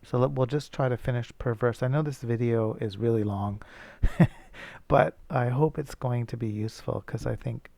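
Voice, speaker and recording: A man's voice: mid-range voice, moderate pace, vocal fry, dark tone, no echo. A male teacher thinking aloud as he works through a coding problem, casual and self-correcting. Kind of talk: screencast coding lesson.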